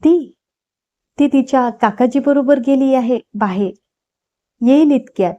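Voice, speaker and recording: A gentle, motherly matriarch of the household, read by a woman storyteller in a slow, mellow voice. The recording is dull and lo-fi. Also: high-pitched. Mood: kindly.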